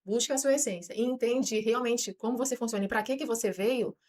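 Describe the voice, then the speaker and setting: Brazilian woman guest on a podcast, talks super fast, acts out people's thoughts. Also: fairly high pitch, slight background noise. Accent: Brazilian Portuguese. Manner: lively, voices imagined people's thoughts. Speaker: guest on self-knowledge podcast. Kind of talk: explanatory podcast talk.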